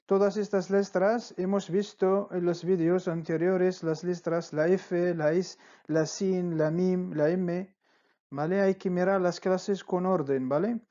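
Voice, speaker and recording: A patient teacher talks at a very slow pace, stretching out each syllable. The tone is dark and mellow, and the recording sounds dull and lo-fi. Each word is repeated several times, with frequent checks of "¿vale?". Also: mid-range voice, fairly even intonation. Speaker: Arabic teacher. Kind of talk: slow spelling-out lesson.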